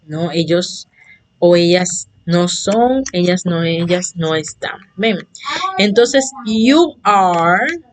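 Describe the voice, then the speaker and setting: A woman's voice: lowish voice, lively intonation, slow. A woman teaching a basic English lesson in Spanish, patiently explaining and repeating examples for her students. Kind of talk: slow explanatory online lesson.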